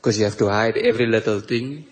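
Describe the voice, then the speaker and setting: A South African man doing a stand-up comedy set, delivering punchlines deadpan and mock-confessional into a stage mic. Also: on the low side, quick pace. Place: comedy stage before a live audience. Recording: live show with clear audience noise.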